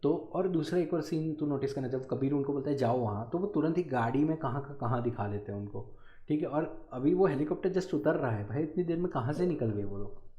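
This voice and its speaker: A man's voice: on the high side, animated, fairly quick, warm tone, echoey room, highs cut off. A man co-hosting a casual movie review chat, animatedly retelling scenes and mixing English words into his talk. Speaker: podcast co-host.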